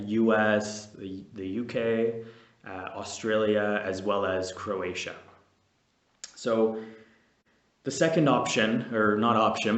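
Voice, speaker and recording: This vlogger, a young veterinary student from Canada, talks to camera casually and somewhat nervously, rambling and full of fillers and restarts. His voice is lowish yet fairly bright, recorded in an echoey room with a distant mic.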